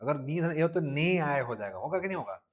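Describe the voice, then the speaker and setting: A man with a Chhattisgarhi-tinged accent leads a live Hindi lesson, his voice sitting a little on the high side. He checks in with the class constantly and slows down to spell words out one sound at a time. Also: animated. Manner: drills students with frequent "ठीक है" checks. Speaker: Hindi teacher at a coaching class.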